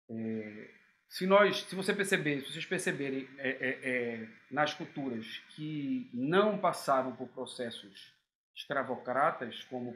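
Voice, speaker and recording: A man's voice: mid-range voice, a bit bright, slight background noise. Man giving an echoey reflective talk. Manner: conversational, with many fillers and tag questions. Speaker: speaker giving a talk on guilt. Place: room.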